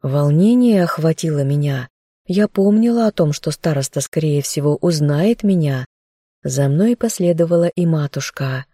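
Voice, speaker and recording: A woman reading a novel aloud in scripted first-person narration with a steady storytelling manner. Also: low voice, normal speed, husky, no echo, clean studio sound. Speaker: audiobook narrator.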